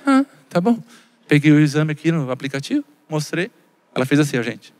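Brazilian comedian telling stories on stage. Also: male voice, fairly high pitch, quick pace, a little hiss or hum. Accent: Brazilian Portuguese. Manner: animated storytelling, repeated "gente" asides to the audience. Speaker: stand-up comedian. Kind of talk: stand-up comedy. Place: stage at a live comedy show. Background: faint audience.

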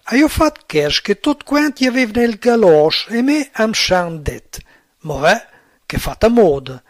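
A man's voice: sits high, sing-song, measured pace, dry recording, clean studio sound. A man with an Emilian accent telling an everyday story in dialect. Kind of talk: spoken dialect monologue.

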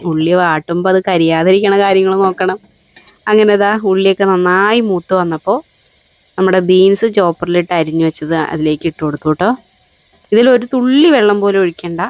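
A woman narrating her home cooking in a casual, chatty way, speaking slowly and gently with a slightly hoarse voice from a lingering cough. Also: mid-range voice, slight background noise. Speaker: cooking vlogger.

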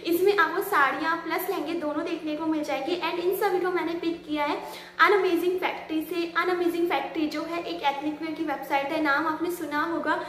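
A woman's voice: very high voice, fairly even intonation, a little fast, fairly bright tone, echoey room, a little hiss or hum. A young woman in her twenties giving a chatty fashion review, casually mixing English words into her Hindi, filmed indoors at medium distance. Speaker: fashion vlogger reviewing sarees. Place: small indoor room.

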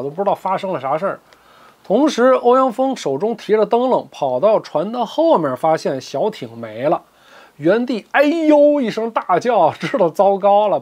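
A man's voice: high voice, a little mellow. A man telling a long martial arts tale in traditional storytelling style, dramatic and colloquial, with vivid asides.

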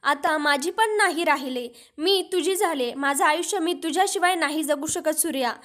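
A woman's voice: sits high, normal speed, fairly bright tone. A woman reading the lines of an earnest young woman confessing her love in a storybook retelling. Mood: heartfelt. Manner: heartfelt, pleading.

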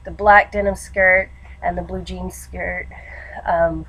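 A woman's voice: lowish voice, flat delivery, slow, fairly bright tone, low-quality recording. A woman in her twenties with a congested, stuffy nose from allergies, chatting casually and informally in a haul vlog. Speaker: vlogger, education student. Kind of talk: casual haul video chat. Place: small lamp-lit room at home. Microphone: webcam or laptop mic at desk distance. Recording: webcam recording with background room noise. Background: noise, TV in the background.

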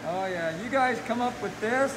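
A middle-aged man with a high voice talks through a face mask over the loud hum of a pump-filled work room. He explains things casually, in a folksy way, as an aquarium guide to his viewers. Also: animated, normal speed, poor audio. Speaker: aquarium animal keeper and guide. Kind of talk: casual educational live talk.

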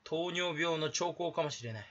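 A teenage man rambles alone to his camera, joking at his own expense and scolding himself between gags. His voice is high and bright, swinging widely in pitch. The camera-mic sound is dull and lo-fi in a small room. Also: normal speed. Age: teens. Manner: self-mocking, jokey, talks to himself. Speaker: small YouTuber. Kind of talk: rambling solo comedy vlog.

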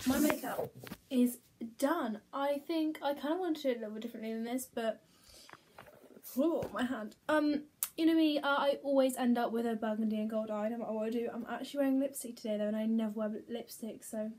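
A woman's voice: a little high, warm tone. A young woman chatting casually to her phone camera as a beauty vlogger, rambling and poking fun at herself. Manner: chatty, rambling, self-mocking. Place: at home.

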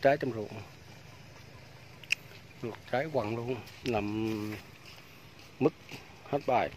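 There's background noise as a man with a mid-range voice speaks slowly, filming a walking tour of a rural farm's fish ponds on his phone. The vlogger keeps things chatty and casual, addressing viewers again and again as aunts, uncles and friends.

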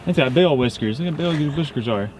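A man's voice: mid-range voice, lively intonation, quick pace, noisy background. A young man hosting a fishing vlog from a boat at night, chatty and upbeat as he shows off his catches. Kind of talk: casual outdoor narration. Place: small boat on a lake at night, outdoors. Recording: music mixed in clearly.

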